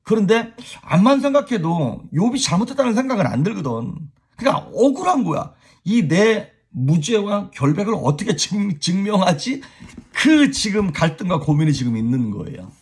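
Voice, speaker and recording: Male pastor, casual devotional talk, raspy and animated, with a very lively melody. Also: high voice, moderate pace. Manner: animated, chuckles, speaks straight to viewers.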